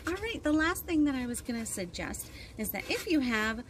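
A woman in her thirties, a children's librarian, hosts storytime outdoors on a backyard deck, casually encouraging young kids as she explains activities. Her voice is high-pitched and very animated at a moderate pace. Wind and ambient noise come through the outdoor recording.

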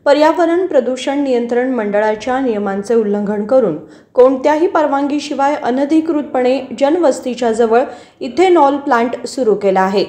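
A woman narrating a scripted news report in a steady, formal reading voice. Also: fairly high pitch, reverberant.

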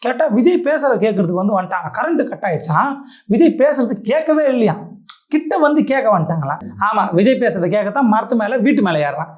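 A woman's voice: on the high side, sing-song, fast, darkish tone. A woman delivering an angry, indignant political rant full of rhetorical questions.

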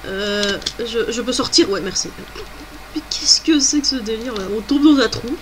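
A woman's voice: a little high, moderate pace, slight background noise. A woman doing let's play commentary, chatty and exclamatory, thinking aloud as she plays. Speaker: gamer.

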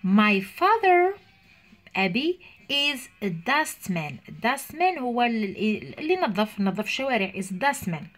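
Woman, Algerian accent, English teacher, lively rising and falling pitch, slow careful English then quick explanation. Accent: Algerian Arabic. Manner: reads English slowly, then explains in dialect. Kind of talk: explaining an exam to pupils.

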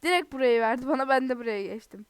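A woman's voice: sits high, fast talker, clear, resonant tone, no room sound. A young woman who is sick, giving chatty, giggly gameplay commentary to her viewers. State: sick, under the weather. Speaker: gaming video host.

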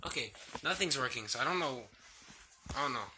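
This vlogger's mid-range voice comes across animated, brisk, bright and forceful, even as his manner is subdued, hesitant and rambling. A young man who works a theme park ride, he's feeling ill with a sore throat and lip cold sore while talking casually in his small bedroom. The handheld recording, made on a phone or laptop at arm's length, has faint noise.

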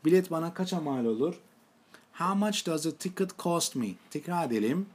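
Man, English teacher, slow deliberate example sentences, repeats each form. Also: a little high, animated. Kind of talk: language lesson, explaining in Turkish.

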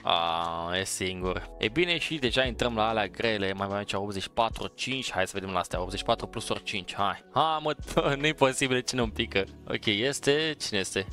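A man's voice: on the low side, animated, few pauses, sharp tone, soft background music. A man giving casual, eager commentary as he opens football card packs, urging the game on and tossing in English exclamations. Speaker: gaming streamer opening packs. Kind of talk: casual pack-opening commentary.

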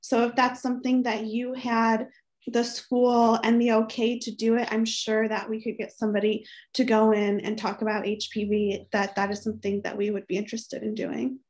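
Young woman, high even voice. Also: normal speed, rough recording. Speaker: outreach program panelist. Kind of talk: panel discussion on a video call.

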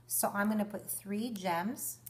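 A woman with a mid-pitched voice teaches young children like a primary school teacher. She explains a hands-on task in simple steps. She puts guiding questions to her young listeners as she goes. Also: unhurried, a little hiss or hum. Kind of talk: instructional demonstration for young children.

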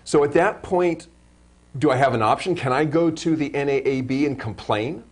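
This live online interview's host has a slightly high voice and a moderate pace. He poses lengthy, meandering questions, frequently starting over and fixing his own wording.

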